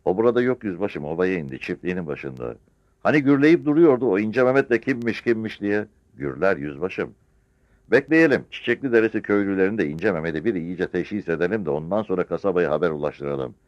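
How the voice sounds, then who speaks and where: A man's voice: low-pitched, animated, fast, a little mellow, dry recording, dull audio, pitched above the performer's own voice. A man doing a cautious, urgent soldier. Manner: urgent, deferential. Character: cautious male soldier reporting to his captain.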